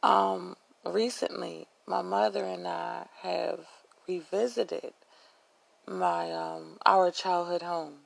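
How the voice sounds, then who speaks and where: A woman chatting casually to her followers in a low, unhurried voice, groggy from just waking up. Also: fairly even intonation, gravelly, low-quality recording. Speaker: host of a personal video segment.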